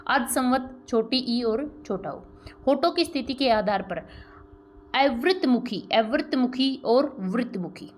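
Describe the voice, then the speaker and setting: A woman's voice: on the high side, animated, a little mellow, slight background noise. A woman teacher explaining grammar step by step, asking rhetorical questions and checking that the class has followed. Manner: pronounces sounds slowly and drawn out as examples. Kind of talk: grammar lesson.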